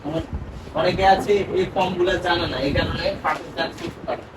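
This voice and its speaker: A man with a high voice teaches a spoken grammar lesson, quizzing his student and repeating each answer back. He sounds distant in an echoey room. Loud traffic noise runs underneath. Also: steady tone, fast talker. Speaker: English teacher. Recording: echoey room from far off, noisy.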